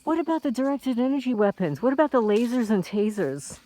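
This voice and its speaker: A middle-aged woman from the Bronx, New York vents to viewers of her homesteading vlog, addressing them as folks and asking rhetorical question after question in an indignant, casual way. Her fairly high voice is sing-song, dark in tone and fairly quick.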